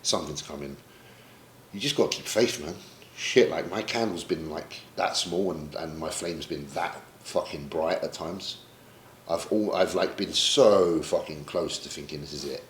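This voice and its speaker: A man's voice: deep voice, normal speed, slight background noise. A man from Britain, a pro bodybuilder, talking candidly and emotionally in a sit-down interview, swearing casually as he reflects. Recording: roomy echo, faint ambience.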